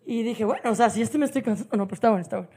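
Ecuadorian woman telling a story on a podcast, high voice, swears a lot, laughs a lot. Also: racing, dark tone. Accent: Ecuadorian Spanish. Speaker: podcast co-host. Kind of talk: casual storytelling chat.

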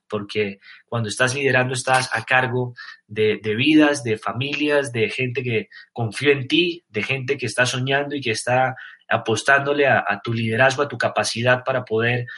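A Colombian man speaks in a bright, forward voice at an ordinary middle pitch. He talks earnestly through a motivational livestream, filling pauses with small fillers and restarts. He often turns to the listener with direct questions. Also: a little hiss or hum. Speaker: network marketing leader giving a live talk.

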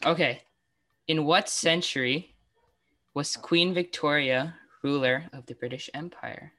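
Her voice sits low and unhurried with a fairly bright tone as she, a young adult, hosts a laid-back trivia quiz by video call. Giggling, she often loses her words and starts over.

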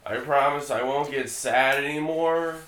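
A man's voice: mid-range voice, steady tone, measured pace, reverberant, close to an everyday voice. A man reading a desperate, bitter middle-aged father in a comedy script reading, shifting from pleading to cruel abuse. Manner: pleading, then turns cruel and shouting. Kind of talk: comedy script table read.

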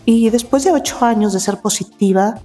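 A woman's voice: fairly high pitch, normal speed, warm tone, faint music behind. Weary woman, candid guest. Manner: open and emotional, repeats words for stress. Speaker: guest, mother of two. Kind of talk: candid interview chat.

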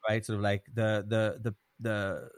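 Low-voiced American man hosting, halting delivery. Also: level tone, clear, resonant tone, no room sound, studio quality. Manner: halting, circling, frequent "right" and "like" tags. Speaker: host, rabbi. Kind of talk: conversational podcast hosting.

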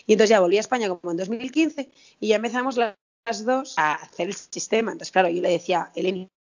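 A woman's voice: medium pitch, quick pace, lo-fi sound. Chatty Spanish woman in her thirties. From Spain. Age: 30s. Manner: chatty storyteller, many restarts and quoted dialogue. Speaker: guest. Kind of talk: casual interview chat.

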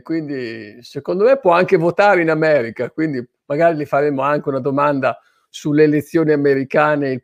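A man's voice: on the high side, creaky, no room sound, muffled recording. A man hosting an informal online interview in a playful, chatty way. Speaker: host of an online interview show.

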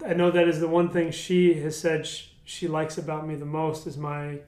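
A man's voice: fairly high pitch, monotone, normal speed, a little mellow. Candid man, raised voice, echoey room. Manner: candid, self-deprecating, many restarts. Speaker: podcast co-host. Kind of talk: casual faith discussion.

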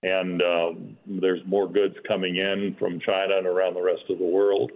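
A man giving economic commentary as an expert guest, speaking in a halting, measured way with repeated words. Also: low voice, level tone, gravelly, phone-quality sound, a little hiss or hum.

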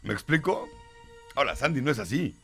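A man's voice: medium pitch, very animated, brisk, vocal fry, a bit bright, faint music behind. A middle-aged man with a Mexican Spanish accent co-hosting a talk show, reading listener comments aloud and answering them emphatically. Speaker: radio show host.

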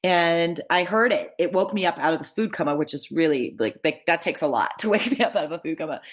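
Chatty woman, lowish voice. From United States. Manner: lively, rambling, lots of "like" and restarts. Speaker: interview guest, travel author. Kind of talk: casual storytelling.

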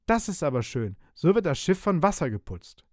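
Male narrator playing a jittery young ship's mate, excitable, pitched up. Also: normal speed, dry recording, clean studio sound. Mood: excited. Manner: excited, high-pitched outbursts.

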